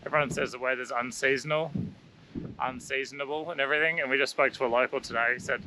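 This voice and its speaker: A man chats and jokes through a travel vlog outdoors. He talks at a brisk clip with a bright, forceful tone. Faint noise sits under his voice. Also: mid-range voice, steady tone, poor audio. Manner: quick, joking interjections. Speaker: travel vlogger. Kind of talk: casual travel vlog chat. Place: outdoors in wind.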